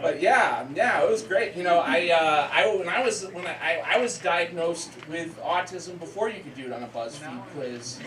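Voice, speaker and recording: A man in his thirties from southern Maine doing a deadpan, self-deprecating stand-up set, repeating his lines. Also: sits high, heavy background noise. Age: 30s. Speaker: stand-up comedian. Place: comedy club stage. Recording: roomy club sound from a distance, loud crowd laughter. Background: crowd laughing.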